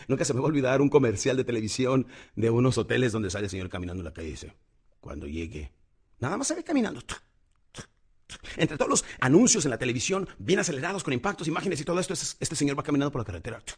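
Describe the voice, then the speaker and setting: Husky man coaching with dramatic voice swings. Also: medium pitch, very animated, rapid-fire. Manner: dramatic swings between loud and soft, addresses listener as champion. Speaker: public speaking coach. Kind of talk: motivational lesson.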